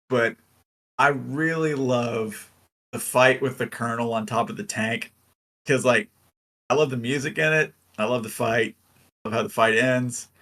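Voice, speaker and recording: A man's voice: mid-range voice, fairly bright tone. A man co-hosting a podcast, chatting casually and enthusiastically about a film with lots of fillers. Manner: rambling, enthusiastic, many fillers. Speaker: podcast co-host. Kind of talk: casual movie review chat.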